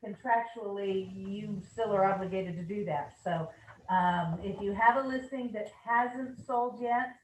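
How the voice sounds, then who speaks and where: A woman's voice: mid-range voice, a little slow, slight background noise. Upbeat woman in a roomy office. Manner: upbeat, reads rules aloud with asides and fillers. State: losing her voice. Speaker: managing broker leading an office meeting. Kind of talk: office meeting presentation. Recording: roomy, mic at a distance.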